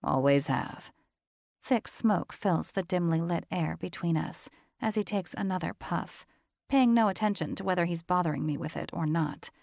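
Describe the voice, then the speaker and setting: A woman reads a first-person romance audiobook in an intimate, confessional tone. Her voice sits fairly low with a gravelly texture. The recording is dry and close. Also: normal speed, darkish tone, no echo. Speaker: audiobook narrator.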